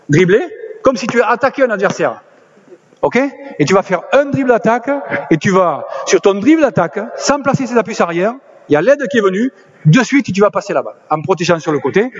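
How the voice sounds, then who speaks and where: A man coaching basketball players on court, directing drills with quick commands and encouragement. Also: sits high. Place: indoor basketball gym. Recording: slightly dull lo-fi sound with faint noise.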